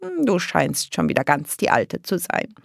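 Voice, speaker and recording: A woman's voice: fairly low pitch, huge pitch swings, moderate pace, vocal fry, no echo, studio quality, exaggerated voice. A woman voicing a cheerful, affectionate grandmother in an audiobook.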